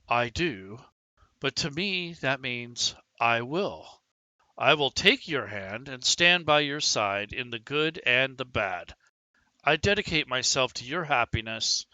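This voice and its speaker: A man's voice: mid-range voice, pushed and bright, dry recording, heavily acted, low-quality recording. A man voicing a proud, determined young groom.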